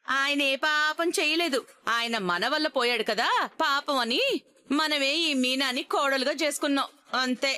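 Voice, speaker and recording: A proud, scornful mother-in-law in a TV serial. Her high, bright voice sneers and scolds. She sounds middle-aged and sure of her place. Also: moderate pace. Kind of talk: TV serial acting.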